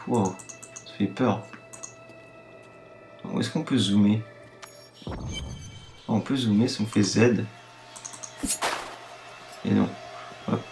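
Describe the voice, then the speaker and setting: Excitable 18-year-old male let's-play host, roomy room sound. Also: medium pitch, creaky. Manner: excitable, exclaims often. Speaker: gaming video host. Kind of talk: casual let's-play commentary.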